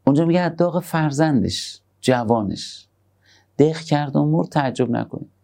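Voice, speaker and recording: A man giving a conversational sermon on parenting, moving between soft, tender asides and emphatic points. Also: on the low side, creaky. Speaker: religious speaker.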